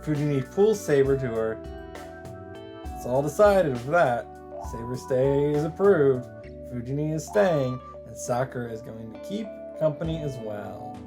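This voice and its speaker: This one's a man of medium pitch and lively intonation, speaking at a moderate pace. He's casually commentating a let's play over background game music, reacting out loud and reading English game text.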